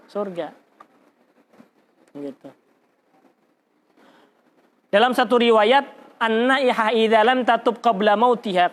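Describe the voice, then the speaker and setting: Man teaching religion, teasing. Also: high voice. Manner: casual, teasing, laughs often, rhetorical questions. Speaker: Islamic teacher. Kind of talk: religious study lecture.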